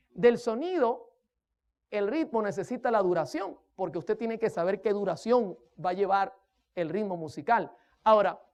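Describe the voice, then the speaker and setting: A woman music teacher preaches a sermon-style lesson on rhythm and music, speaking emphatically, asking her listeners questions and counting beats aloud. Her voice is mid-range with a darkish tone.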